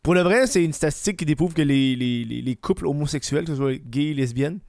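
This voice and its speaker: A man's voice: a little high, brisk, gravelly, darkish tone, no echo, studio quality. A man with a Quebec French accent and a slushy lisp on his s, rambling casually and slangily as he hosts a comedic solo podcast. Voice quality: lisp, slushy s from dental aligners. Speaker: podcast host.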